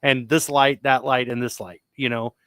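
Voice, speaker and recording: A man's voice: medium pitch, flat delivery, normal speed, fairly bright tone, clean tone, no room sound. Rambling podcast guy, dry mic. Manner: rambling, restarts often, enthusiastic about sci-fi tech. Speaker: podcast co-host. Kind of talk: casual chat.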